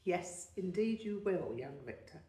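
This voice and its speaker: A woman's voice: lowish voice, expressive. A woman reading the part of a patient older man who teaches music, explaining carefully and encouraging his young pupil. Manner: measured, explanatory, gently encouraging. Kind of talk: audiobook character voice. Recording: roomy, distant mic.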